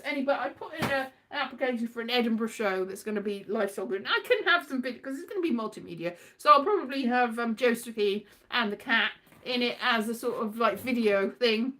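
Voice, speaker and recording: A middle-aged Welsh woman, a writer, performer and host, rambles casually in a voice that sits on the high side and sounds a bit bright. She's scatty and digressive, thinking aloud and muttering asides to herself.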